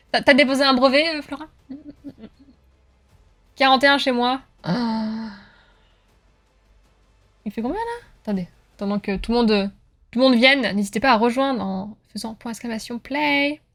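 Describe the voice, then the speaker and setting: A woman streaming from home, chatting with her viewers in a lively, joking way and cheering on a race. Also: fairly high pitch. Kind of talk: live-stream chat with viewers while racing.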